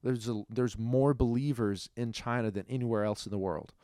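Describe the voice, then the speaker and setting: A young man co-hosting a casual faith podcast, talking in animated bursts and laughing often. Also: mid-range voice, moderate pace, smooth, no echo, studio quality. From Ukraine. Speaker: podcast co-host. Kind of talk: casual chat.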